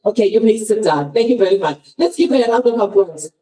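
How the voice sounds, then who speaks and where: A woman's voice: mid-range voice, lively intonation, quick pace, warm tone, far from the mic, rough recording. A woman acting as master of ceremonies at a surprise birthday party, playful and teasing as she draws out the guest of honor.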